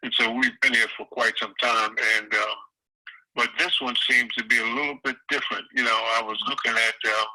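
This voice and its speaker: Older male interviewee, calm and reflective, rough-edged voice, harsh bright phone-line audio. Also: mid-range voice, brisk. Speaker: interview guest, community elder. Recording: tinny phone line over speakerphone.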